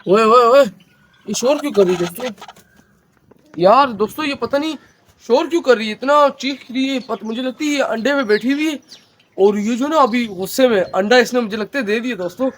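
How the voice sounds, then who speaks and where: His pitch is extremely high and his pace a little fast as he vlogs casually by phone about his pet hens outside. He keeps speaking to viewers as friends and gets excitable with the hen, against slight background noise.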